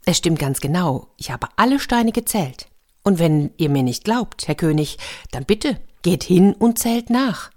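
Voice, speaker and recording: A woman voicing a polite, quick-witted young servant answering his king. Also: fairly low pitch, lively intonation, darkish tone. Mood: insistent. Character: humble clever young male servant.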